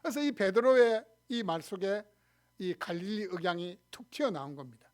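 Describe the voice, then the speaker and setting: A man's voice: sits high, lively intonation, normal speed. A male pastor with a Gyeongsang accent preaching a sermon, telling the story expressively and acting out quoted lines. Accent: Gyeongsang Korean. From Gyeongsang region, Korea. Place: church sanctuary.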